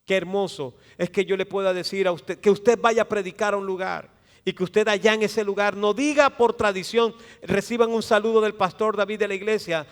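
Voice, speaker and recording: A man preaching a sermon as pastor, leading the congregation in call-and-response and swinging from soft asides to loud emphatic passages. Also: high voice, fairly quick, clean tone. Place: church sanctuary. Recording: long church reverb.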